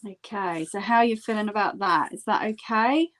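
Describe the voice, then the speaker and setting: A woman giving a casual step-by-step painting demonstration as an art instructor, in a gentle, encouraging manner. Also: medium pitch, normal speed. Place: indoors at a tabletop.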